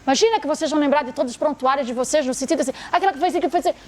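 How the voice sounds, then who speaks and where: A woman's voice: high voice, rapid-fire, a little mellow. A woman, a guest therapist talking expressively and emphatically in a podcast conversation.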